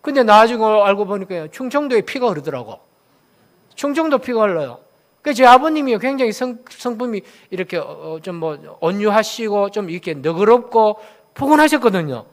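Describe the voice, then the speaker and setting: Man, pastor, from Daegu, sermon, call-and-response, lively bouncing pitch. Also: brisk. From Daegu, South Korea. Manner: asks the congregation questions and has them repeat phrases.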